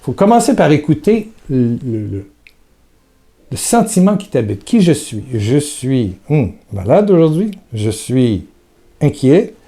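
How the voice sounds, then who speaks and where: Mellow-voiced man giving a hesitant devotional talk. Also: medium pitch, sing-song, slow. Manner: hesitant, repeats words, speaks intimately to the listener.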